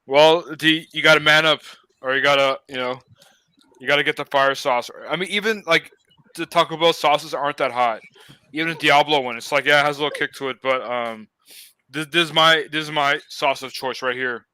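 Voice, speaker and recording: A man's voice: on the high side, fairly quick, pushed and bright, smooth, no echo. A young man hosting a live-stream hangout, chatting in a laid-back, rambling way with lots of fillers. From Los Angeles area. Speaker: host. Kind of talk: casual live-stream chat.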